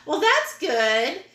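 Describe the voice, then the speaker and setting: Chatty woman, bright voice. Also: high voice, recorded from a distance. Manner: chatty, reads viewer comments aloud. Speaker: live stream co-host. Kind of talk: casual live-stream chat. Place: home kitchen. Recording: echoey room.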